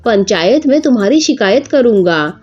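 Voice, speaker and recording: A woman's voice: on the high side, expressive, normal speed, darkish tone, husky, highs cut off, soft background music. A woman doing a stern village father.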